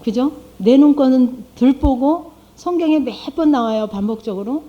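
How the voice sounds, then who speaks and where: A woman's voice: high-pitched, moderate pace. A middle-aged woman, a lay church speaker, giving a conversational testimony, asking her listeners rhetorical questions and acting out her own prayers aloud. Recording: dull lo-fi recording.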